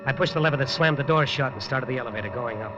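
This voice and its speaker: Over music, a man rattles off rapid-fire narration in a medium pitch that sounds close to his everyday voice. He's an actor playing a hard-boiled reporter narrating tersely and dryly, with wisecracks, as the lead in a dull-sounding 1950s radio drama.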